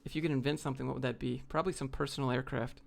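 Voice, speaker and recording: In a relaxed livestream Q&A, a US man reads questions aloud and responds with off-the-cuff bluntness and slang. His gravelly mid-range voice races along with fairly even intonation.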